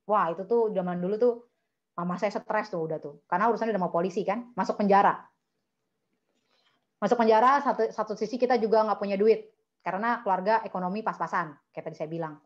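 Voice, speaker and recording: A woman's voice: mid-range voice, quick pace, highs cut off. A woman giving a personal testimony at a prayer meeting, chatty and emphatic, often turning to address her listeners.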